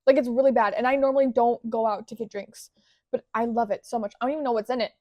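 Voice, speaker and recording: A woman's voice: fairly high pitch, fairly even intonation, fast talker, warm tone, dry recording, muffled recording. Bubbly young woman rambling about crochet. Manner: bubbly, rambling, self-deprecating humor. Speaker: crochet vlogger. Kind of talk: casual chatty vlog.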